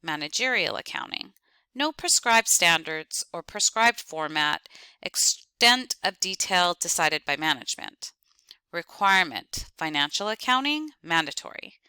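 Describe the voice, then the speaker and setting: A woman lecturing on accounting, reading out terms, definitions and lists in clipped, deliberate steps. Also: on the low side, animated, pushed and bright, smooth, no room sound. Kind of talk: reading lecture slides aloud.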